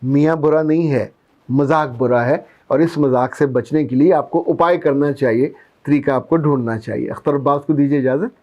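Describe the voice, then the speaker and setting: A man's voice: a little high, lo-fi sound. A man with a Pakistani Urdu accent giving earnest life-coach advice to viewers and explaining it through everyday examples.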